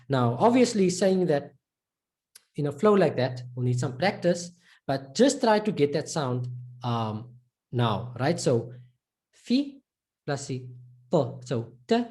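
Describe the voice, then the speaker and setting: A woman's voice: low voice, very animated, takes it slowly, dark tone. A woman teaching a live online pronunciation lesson, patiently drilling each sound by repeating it again and again. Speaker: Arabic teacher.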